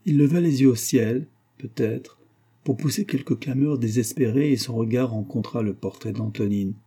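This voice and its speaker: A man reading a classic novel aloud as an audiobook, in a measured, steady literary narration. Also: medium pitch, slightly rough. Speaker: audiobook reader.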